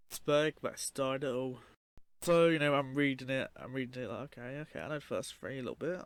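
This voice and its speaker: A man's voice: medium pitch, no echo. A man narrating his own story in a casual, unscripted way, rambling informally and often trailing off. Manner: rambling, informal, trailing off with 'like' and 'you know'. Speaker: documentary narrator and video creator.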